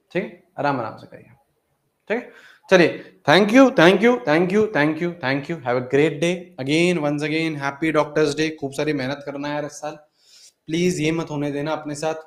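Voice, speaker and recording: A man's voice: on the high side, echoey room. A male teacher closing an online exam-prep class with an encouraging talk, repeating his points and calling students "beta".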